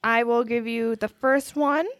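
A woman's voice: fairly high pitch, steady tone, a little slow, smooth, no room sound, clean studio sound. A woman co-hosting a podcast, telling stories and running a quiz game with lots of laughing. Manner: giggly, storytelling. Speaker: podcast co-host, game runner. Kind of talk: casual chat.

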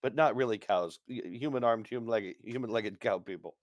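A man's voice: medium pitch, fairly quick. A man playing a tabletop game, reacting in casual, joking and incredulous banter. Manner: incredulous, jokey. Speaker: player.

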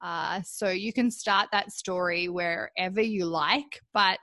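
A woman's voice: on the low side, slow pace, a bit bright, no echo. A woman hosting her podcast, upbeat and laughing often as she introduces and interviews her guest. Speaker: podcast host. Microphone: remote call from her apartment.

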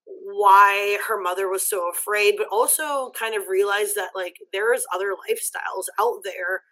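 A woman's voice: medium pitch, normal speed, pushed and bright, rough recording. A woman guest co-host in casual chat, thoughtful and hedging.

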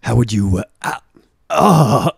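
A male actor playing a stressed manager in pain, halting and feebly pleading as he struggles to speak. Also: mid-range voice, expressive, gravelly, slightly rough, no echo, clean studio sound, heavily acted.

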